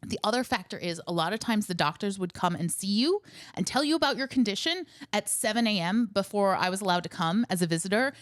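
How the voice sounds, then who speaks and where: A woman's voice: mid-range voice, expressive, fast, no echo. Woman podcast co-host, wry storyteller, dry close sound.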